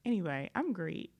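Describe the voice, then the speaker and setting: Her voice sits on the low side and is a little mellow; she co-hosts a podcast, rambling easygoingly through casual chat and laughing a lot.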